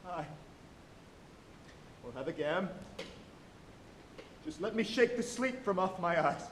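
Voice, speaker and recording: A man's voice: sits high, expressive, takes it slowly, fairly bright tone, full character voice. A man on stage playing a brooding, haunted whaling captain in a grave, portentous tragic style. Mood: brooding, ominous. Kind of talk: Shakespearean stage tragedy acting. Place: college theatre stage. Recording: roomy auditorium stage recording, some hiss.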